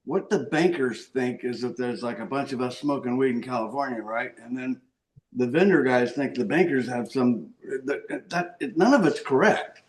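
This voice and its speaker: A man's voice: mid-range voice, expressive, moderate pace, far from the mic, poor audio. Male podcast co-host, emphatic and enthusiastic, mic set back a little. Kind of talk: casual conversational chat.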